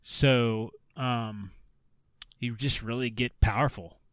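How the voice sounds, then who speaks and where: A man chatting casually on a podcast, rambling and filling his sentences with "like". His voice is smooth and clean, recorded dry and a little dull. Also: medium pitch, fairly even intonation, slow, a bit bright, no room sound. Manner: rambling, filler-heavy, restarts often. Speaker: podcast co-host. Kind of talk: casual chat about video games.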